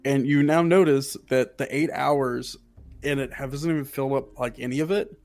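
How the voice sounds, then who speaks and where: A man with a medium-pitched voice runs a tabletop game as its game master. He narrates scenes and rules in an easy, casual style, with faint music playing behind him. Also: steady tone, normal speed, a little mellow.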